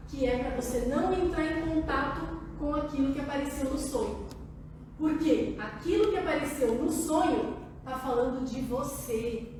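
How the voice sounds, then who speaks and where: Brazilian woman analyst, audience Q&A in a big hall; high voice, very echoey distant recording. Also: a little hiss or hum. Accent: Brazilian Portuguese. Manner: warm, conversational, asks the audience often. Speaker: psychoanalyst giving a talk. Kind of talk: public talk answering audience questions. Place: large meeting hall. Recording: very echoey hall, voice far from mic.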